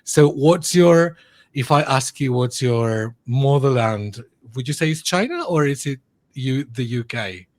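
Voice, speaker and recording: A male podcast host puts questions to his guest over a video call, friendly but hesitant, leaning on "like" and "um". His voice is at an ordinary pitch, and the sound is dry and close, with no room around it. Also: expressive, measured pace, dry recording. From Spain. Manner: friendly, hesitant, many fillers like "like" and "um". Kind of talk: interview hosting.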